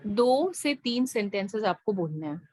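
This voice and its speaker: A woman's voice: medium pitch, expressive, takes it slowly, dark tone, rough recording. A woman with an Indian accent tutoring over a video call, mixing Hindi and English and often checking that her student has understood. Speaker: IELTS speaking tutor.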